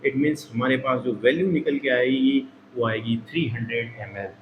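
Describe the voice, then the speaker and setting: A man's voice: medium pitch, moderate pace, phone-quality sound. A man teaching a chemistry lesson, talking through each step aloud and repeating himself as he explains. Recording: echoey room with faint noise.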